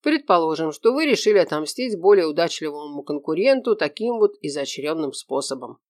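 Woman voicing a male investigator, mocking, dry teasing tone, low voice, dry recording. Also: big pitch swings, a little fast, no room sound.

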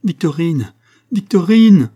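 Anguished mother crying out, raised voice, husky edge, read by a man. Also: mid-range voice, fairly even intonation, moderate pace, warm tone, highs cut off, close to an everyday voice. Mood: frantic. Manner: anguished cries. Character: frantic mother searching for her lost daughter.

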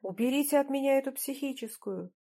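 A woman reading an audiobook, voicing a crude young male thug who yells threats. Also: a little high, unhurried. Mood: angry. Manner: yelling threats.

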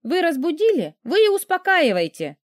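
A woman voicing a cheeky young woman in an audiobook, pert and lively, sometimes wistful. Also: a little high, moderate pace, no room sound, studio quality. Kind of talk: audiobook character reading.

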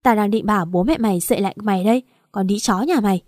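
A woman plays a jealous young wife, crude and insulting. The voice is mellow and warm. The recording is dry and close. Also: mid-range voice, fast talker, no echo, lightly acted. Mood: abusive. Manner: abusive, insulting.

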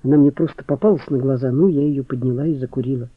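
A man's voice: medium pitch, fairly even intonation, fast talker, no room sound, close to an everyday voice. A man voicing a distraught young woman who pleads in a strained tone in an audiobook. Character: young woman, the tearful victim's close one. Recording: phone-like, dry.

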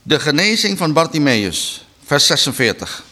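A man giving a preaching Bible study talk, reading slowly and deliberately with emphatic restarts. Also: fairly high pitch, sing-song, sharp tone. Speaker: Bible teacher.

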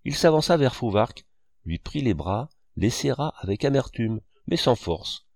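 A man narrating a French novel in a measured literary reading. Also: medium pitch, sing-song, creaky, darkish tone, no room sound, clean studio sound.

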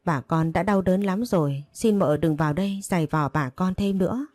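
A woman's voice: fairly low pitch, moderate pace, darkish tone, dry recording, close to an everyday voice. A woman voicing a brash young female servant in a read-aloud story, whiny and insolent. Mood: pleading.

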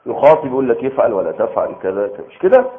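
A man with an Egyptian accent giving a colloquial religious lecture, animated, asking the audience rhetorical questions and answering them himself. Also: medium pitch, rapid-fire, phone-quality sound. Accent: Egyptian Arabic. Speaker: preacher giving Quran commentary.

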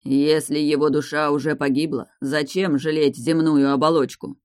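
A woman's voice: low voice, little pitch movement, normal speed, dry recording, clean studio sound. A woman narrating a first-person fantasy audiobook in a wry, ironic manner.

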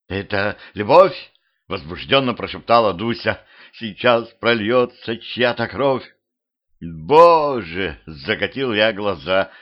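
A man's voice: on the low side, lo-fi sound. Man reading a wry horror-comedy audiobook. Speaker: audiobook reader. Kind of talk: first-person humorous narration. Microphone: home microphone.

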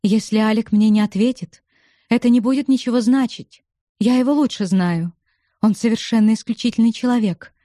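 A woman reading the part of a distraught, loyal young woman who pleads and protests, in a mellow, dark voice. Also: on the high side, normal speed, no room sound, studio quality, lightly acted. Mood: pleading. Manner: pleading, emotional.

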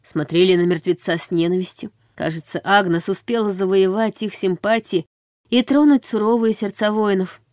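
A woman's voice: medium pitch, moderate pace, a little mellow, no room sound. Woman narrating an audiobook, dry and close. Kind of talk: first-person scripted audiobook narration.

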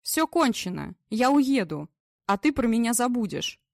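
Audiobook: woman doing a curt, stubborn young man, high voice, dry. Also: big pitch swings, moderate pace, vocal fry, no echo.

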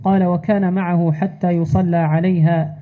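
A man reading classical religious text aloud as a student, measured and formal, repeating the narration formula before each line. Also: high-pitched, little pitch movement, a little hiss or hum. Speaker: student reader. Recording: tinny phone-like sound.

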